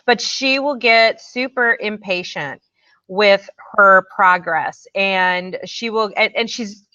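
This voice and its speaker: A woman's voice: medium pitch, slow, sharp tone, dry recording, dull audio. A woman business coach chatting animatedly on a live video panel, full of "like" and "you know". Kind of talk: casual panel chat.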